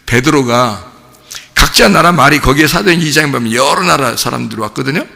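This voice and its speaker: A man preaching a sermon as pastor, talking with the congregation, asking them questions and lively acting out the voices he quotes. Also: mid-range voice, a little fast, creaky, in a large hall. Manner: animated, acts out quoted voices and mimics gibberish tongues; conversational, asks the congregation questions. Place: church sanctuary.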